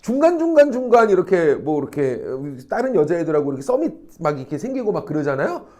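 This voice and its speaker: Animated male teacher lecturing a class. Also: high voice, quick pace. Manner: animated, acts out quoted people, frequent rhetorical check-ins, salty slang. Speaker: high school social studies teacher. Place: academy classroom.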